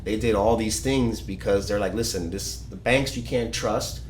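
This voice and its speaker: Low-ish guy from ecuador explaining stuff casually, lots of uhs, bit of hiss in the background. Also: normal speed, roomy sound. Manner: explanatory, hesitant with many fillers. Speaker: guest. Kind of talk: casual podcast conversation. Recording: faint background noise.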